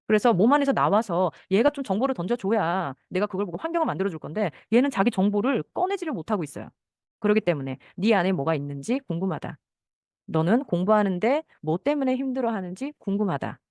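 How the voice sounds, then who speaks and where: A woman's voice: medium pitch, a little mellow, no room sound, clean studio sound. A middle-aged woman counselor giving a talk on how parents should speak with children, acting out short parent and child lines as she goes.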